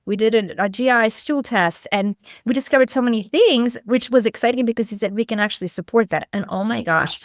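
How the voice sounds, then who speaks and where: Here the same Lithuanian nutritionist speaks higher and briskly, barely pausing as she recounts a personal story in an interview and plays out bits of dialogue. She's a middle-aged woman, and the recording is dry, clean studio sound.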